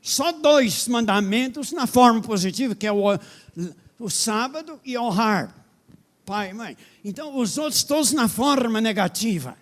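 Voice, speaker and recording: A preacher with a strikingly high voice gives an impassioned sermon. His delivery swings into loud, emphatic questions. He talks plainly and directly to the congregation. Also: animated, a little slow. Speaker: pastor.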